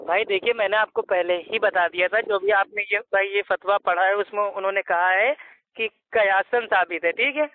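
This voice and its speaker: Man, high voice, combative, mocking, lecturing, religious debate, phone-line audio. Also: normal speed.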